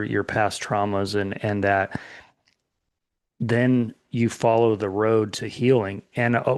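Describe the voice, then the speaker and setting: A middle-aged man co-hosting a casual chat, talking slowly and thoughtfully with many restarts. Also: on the low side, no echo, studio quality. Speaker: podcast co-host.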